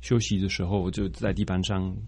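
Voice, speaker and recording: Deep, mellow foreigner speaking halting Mandarin, male. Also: little pitch movement, slightly rough, no room sound. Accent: foreign-accented Mandarin. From Belgium. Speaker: interview guest, film composer. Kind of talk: casual interview.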